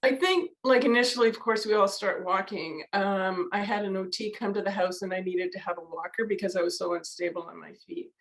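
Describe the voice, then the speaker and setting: A woman from Canada speaks as a guest in a casual interview. Her voice is gravelly with vocal fry at a middle pitch, and she talks candidly, full of fillers and restarts. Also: brisk, hardly any pauses, poor audio. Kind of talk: casual video-call interview.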